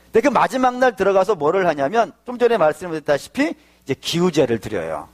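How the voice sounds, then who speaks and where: Male pastor, sermon, high voice, swooping animated delivery, emphatic loud bursts, asks and answers own questions. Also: fast. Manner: lively, emphatic preaching with sudden loud bursts; explains patiently, asking and answering his own questions.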